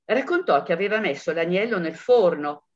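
A woman narrates a story aloud with a low, deep voice. Her reading is measured and expressive, and the recording sounds dull and lo-fi. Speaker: audiobook reader. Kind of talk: scripted narration.

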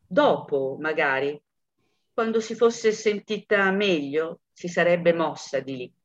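A woman reading a short story aloud in a measured, expressive storytelling manner. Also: lowish voice. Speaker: audiobook reader. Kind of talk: scripted narration. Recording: dull lo-fi recording.

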